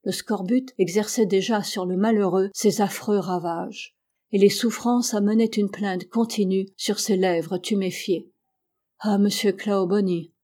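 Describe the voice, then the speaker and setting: A woman narrates a classic adventure novel as an audiobook. Her reading is measured and even, and her voice is warm and mellow. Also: mid-range voice. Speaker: audiobook reader.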